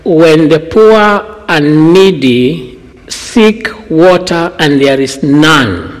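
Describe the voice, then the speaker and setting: A middle-aged man from Kenya speaks as a guest pastor. His voice sits slightly high, and he talks in short, halting phrases with "uh" between them. A long church reverb trails behind. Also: expressive. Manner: short phrases with pauses for translation, frequent "uh". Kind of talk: church talk with interpreter. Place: church hall.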